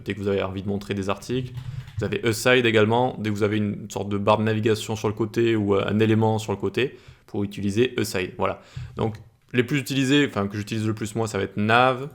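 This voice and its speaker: A man's voice: on the low side, gravelly. A man teaching web development in a screencast tutorial, informal, with many fillers and restarts.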